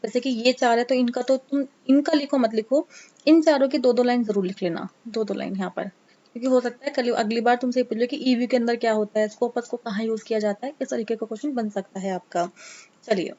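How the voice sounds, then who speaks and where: Casual exam-prep teacher, a woman, teasing and coaxing, higher voice, muffled audio. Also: a little fast, mellow. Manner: chatty, coaxing, teasing students; mixes English terms into Hindi. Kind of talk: casual Hindi lecture. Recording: dull lo-fi sound.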